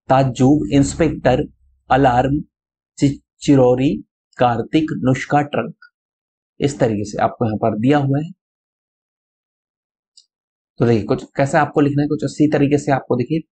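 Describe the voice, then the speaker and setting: A man's voice: medium pitch, warm tone, slightly rough. A man teaching schoolchildren and reading textbook answers aloud, often telling them to note it down. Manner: calls listeners children, tells them to note it down.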